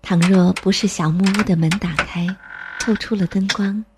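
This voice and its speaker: A woman narrating a storybook in a gentle, even-paced reading voice. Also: mid-range voice, moderate pace, noisy background. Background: faint music.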